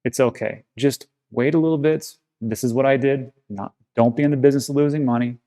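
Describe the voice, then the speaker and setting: A man's voice: medium pitch, fairly even intonation, fairly quick, dark tone. A man hosting his own crypto video channel, talking casually to camera in a rambling, reassuring way with frequent restarts.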